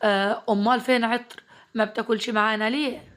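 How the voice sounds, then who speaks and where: A woman's voice: a little high, steady tone, quick pace, fairly bright tone, natural voice. A woman voicing a protective young male doctor with an Upper Egyptian accent, firm and caringly insistent.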